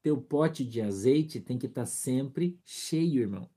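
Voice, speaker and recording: A man's voice: medium pitch, lively intonation, slow pace, dark tone, slightly rough. A male pastor preaching a sermon, acting out little scenes, asking rhetorical questions and greeting members of the congregation by name. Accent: Brazilian Portuguese.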